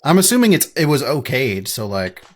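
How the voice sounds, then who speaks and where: A man co-hosting a podcast, laid-back and quick to laugh, often answering with short reactions. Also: medium pitch, big pitch swings. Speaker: podcast co-host. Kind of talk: casual podcast chat.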